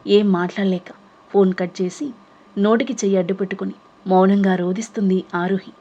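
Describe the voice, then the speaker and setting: A woman narrates a serialized audio novel in a steady storytelling voice. She holds an even, measured pace from one line to the next. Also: medium pitch.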